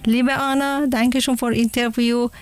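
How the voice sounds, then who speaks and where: A woman from Iran, answering interview questions in halting German, often pausing to search for words. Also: on the high side, level tone, no echo. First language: Persian. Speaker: interviewee, mother. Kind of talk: casual radio interview.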